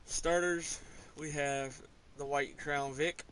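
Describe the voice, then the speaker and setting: A man's voice: on the high side, steady tone, slow pace, fairly bright tone, a little hiss or hum, rough recording. A man casually talking through his game car collection in a rambling, offhand way, with small hesitations. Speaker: gamer showing his garage. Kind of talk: casual gameplay commentary.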